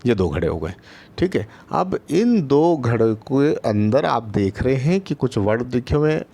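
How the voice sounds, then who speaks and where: A man's voice: mid-range voice, very animated, measured pace, vocal fry, mellow. A man teaching first graders in an online lesson, patient and repetitive, often checking in with his listeners and drawing out letter sounds. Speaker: primary school teacher.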